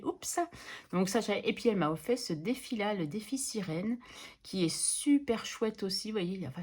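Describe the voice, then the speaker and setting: A woman's voice: on the low side, breathy edge. A middle-aged woman chatting casually to camera about budgeting, enthusiastic and laughing often. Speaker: budgeting channel host.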